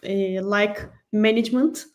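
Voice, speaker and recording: A woman's voice: mid-range voice, steady tone, unhurried, a little mellow. A woman co-hosting an online study abroad information session, speaking hesitantly with fillers. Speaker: study abroad agency co-host.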